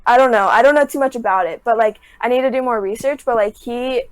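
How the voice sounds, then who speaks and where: Brief: young woman guest, higher voice, rambling casual retelling, dry close sound. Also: quick pace, clean tone, no room sound, poor audio. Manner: rambling retelling, constant "like" fillers. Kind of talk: casual chat.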